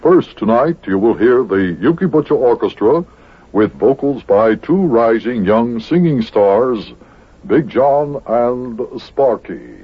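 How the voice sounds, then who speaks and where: A husky, big-voiced announcer. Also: male voice, medium pitch, very animated, slow pace, exaggerated voice. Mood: announcing. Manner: formal announcer delivery. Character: big deep-voiced radio announcer man. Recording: dull old record.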